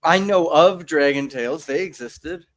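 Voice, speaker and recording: A young man with a fairly high voice hosts a casual podcast chat at a measured pace. He's joking and playful, and he often stumbles and restarts his words.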